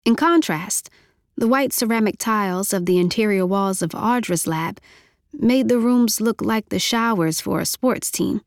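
A woman reading a novel aloud as narrator, in steady, measured storytelling. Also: medium pitch, no echo, studio quality. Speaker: audiobook narrator. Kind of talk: scripted narration.

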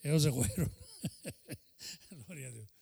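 Fast-talking pastor praying with church reverb. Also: male voice, fairly high pitch, creaky, warm tone, slight background noise. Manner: fervent praying, repeating "Señor". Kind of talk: sermon and closing prayer. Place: church service.

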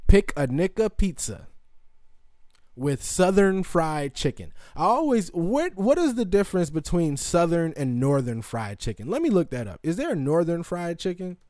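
A man's voice: fairly high pitch, sing-song, normal speed, warm tone, dry recording, studio quality. A young man hosting a casual comedic monologue, rambling and profane with lots of ums and asides. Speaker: show host.

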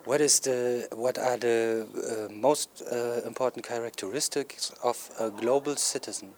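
A man's voice: medium pitch, fairly even intonation, a little slow, a little mellow. A man asking casual questions as an interviewer, feeling his way through the wording.

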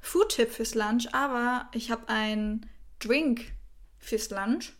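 A woman's voice: on the high side, takes it slowly. A young woman co-hosting a casual podcast, enthusiastic and gushing about food while mixing English words into her speech. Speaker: podcast co-host.

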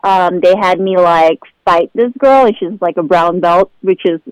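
A woman's voice: fairly low pitch, measured pace, smooth, no room sound, dull audio. A young woman from the Philippines chatting as a guest, talkative and loose, with many fillers and laughs. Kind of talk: casual chat.

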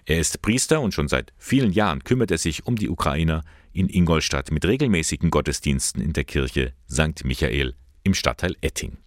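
A man presenting a church news report and interviewing a guest, with a clear, measured delivery. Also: a bass voice, lively intonation, dry recording, studio quality. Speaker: radio presenter.

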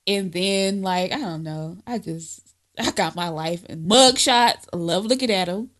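A woman's voice: lowish voice, unhurried, a bit bright. A woman co-hosting a podcast, chatting casually in a blunt, profane way and laughing often. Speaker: podcast co-host. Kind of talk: casual chat.

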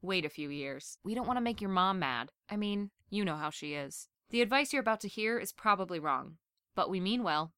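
A woman's voice: medium pitch, lively intonation, fairly quick, bright, forceful tone. A woman co-hosting a comedy podcast, joking in a playful, giggly way. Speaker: podcast co-host. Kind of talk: casual comedic chat.

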